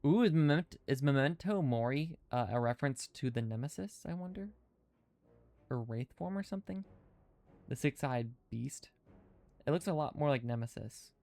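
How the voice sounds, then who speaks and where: A man's voice: medium pitch, lively intonation, normal speed, dark tone, dry recording, soft background music. A man live-streaming a video game, thinking aloud through his moves and chatting with viewers, with his speech a little hindered by dental retainers. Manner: thinking aloud, chatty, reads chat comments. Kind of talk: casual live-stream commentary.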